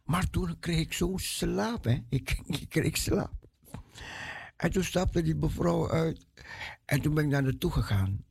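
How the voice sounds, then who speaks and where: A man giving a personal testimony as an animated story. He repeats words for emphasis and acts out the voices of the people he met. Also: a little high, measured pace, creaky, husky, no echo, studio quality.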